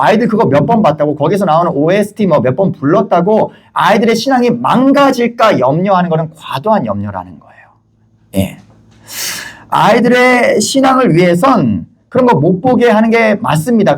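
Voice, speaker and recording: A pastor with a Korean accent delivers a sermon, his pitch swinging widely as he tells stories with a wry, gently humorous edge. His voice sits on the higher side for a man, and he keeps turning to the congregation with rhetorical questions. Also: husky.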